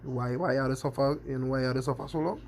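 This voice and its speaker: A man's voice: medium pitch, steady tone, quick pace, darkish tone, slight background noise. A man preaching a scripture-quoting sermon, constantly asking "you understand?". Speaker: street preacher.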